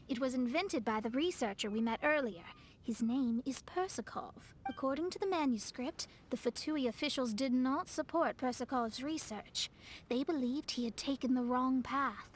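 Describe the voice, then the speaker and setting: High bright-voiced blunt adventurer girl, game dialogue. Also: slight background noise. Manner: direct, brisk.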